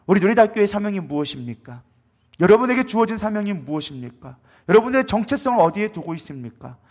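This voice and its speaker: Male pastor preaching fast, pitch kinda high, keeps firing rhetorical questions. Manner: emphatic, asks the congregation many rhetorical questions. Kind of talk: sermon.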